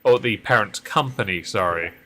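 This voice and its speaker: Live-streaming a driving game, a deep-voiced man in his thirties rambles to his viewers in a self-deprecating way. His tone is sharp and his pace moderate.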